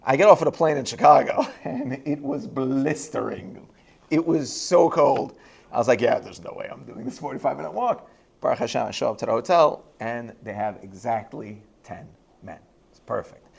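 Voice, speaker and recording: Rabbi guy telling a goofy story on himself, gravelly voice, lively, keeps laughing. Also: medium pitch, moderate pace. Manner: animated, self-deprecating, laughs through the telling. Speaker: rabbi giving a talk at a high school. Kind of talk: humorous personal storytelling.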